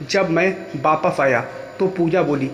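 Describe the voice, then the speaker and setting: A man telling a first-person story in plain, steady narration. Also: a little high, measured pace, lo-fi sound, slight background noise. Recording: echoey room with long reverb.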